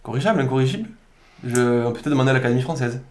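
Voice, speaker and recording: A man from Provence with a Provençal accent, a podcast guest telling stories in an animated, informal, slangy way. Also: medium pitch, rapid-fire. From Provence, southern France. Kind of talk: casual podcast conversation. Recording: roomy echo.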